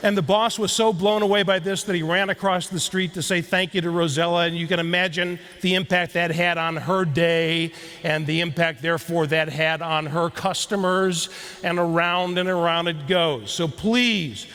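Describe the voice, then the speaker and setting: A man with a fairly high-pitched voice speaks at a moderate pace, giving an animated keynote talk in a large hall before a live audience. He tells a story and leads the crowd through drills.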